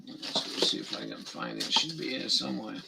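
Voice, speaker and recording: A man's voice: on the low side, huge pitch swings, brisk, gravelly, very noisy. A man with a Maine accent, hosting a livestream in crude, joking, rambling chat and mockingly reading things aloud. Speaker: livestream host.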